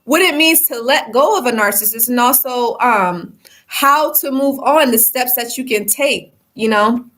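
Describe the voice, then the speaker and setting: A woman's voice: fairly high pitch, a little slow, a bit bright. A woman in her thirties, a life coach, talking casually to livestream viewers and rambling with lots of fillers like "you know" and "like". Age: 30s.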